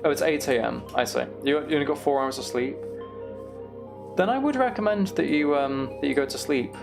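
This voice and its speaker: Over music, a man livestreaming a game talks casually, musing aloud and responding to the comments viewers send. His voice sits on the high side, gravelly and fairly quick, with lively intonation.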